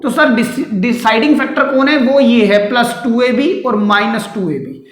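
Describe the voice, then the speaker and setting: At a board in a classroom, a man with a very high-pitched voice teaches maths at a moderate pace, explaining step by step. He puts questions to his students, then answers them himself, calling them "beta" and "sir", and the room sounds echoey.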